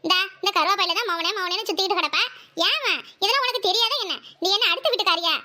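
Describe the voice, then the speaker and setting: Older mother-in-law, very high cartoon voice, voiced by a woman. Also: rapid-fire, sharp tone, full character voice. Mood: reasoning.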